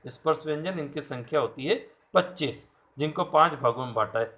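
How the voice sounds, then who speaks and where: A man's voice: mid-range voice, fairly quick, a bit bright. A man teaching a class, patiently spelling out sounds and asking his students questions. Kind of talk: classroom lecture.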